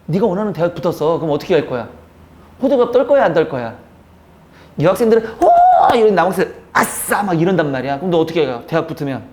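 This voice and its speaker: A male teacher lecturing a live classroom. He teases and scolds his students between explanations and keeps firing quick questions at them. Now and then he breaks into a squeaky voice to act out how they would react. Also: very animated, darkish tone, a little hiss or hum. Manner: teasing, scolding banter with students.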